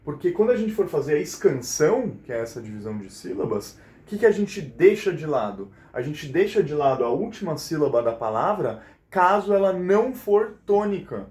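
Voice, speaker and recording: A man's voice: on the high side, very animated, normal speed, hardly any pauses, darkish tone. A male teacher explaining a poem's syllable count in a recorded class lesson, checking in with his students often. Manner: explanatory, checks in with frequent questions. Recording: roomy echo.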